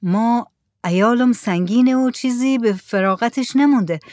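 A woman's voice: a little high, darkish tone, dry recording, clean studio sound, natural voice. A woman reading aloud, voicing a fisherman who is hesitant and polite.

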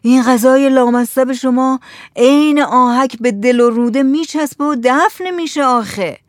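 A woman's voice: high-pitched, no room sound, clean studio sound, voice pushed up, natural voice. A woman voicing a groaning, overfed village man who grumbles about the food. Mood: grumbling.

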